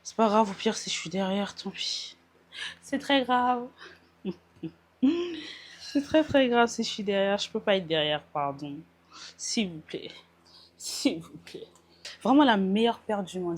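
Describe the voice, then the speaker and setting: A young French woman chats casually into a small mic for her vlog, talking about her outfit while slipping English words into her French. Her medium-pitched voice is slightly rough, and she laughs at herself as she goes from getting ready at home to the street and metro.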